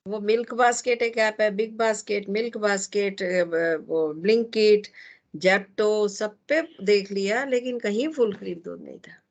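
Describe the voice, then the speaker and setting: A woman's voice: mid-range voice, a little slow. A woman teaching an online astrology class, chatting casually and rambling with easy laughs over a video call.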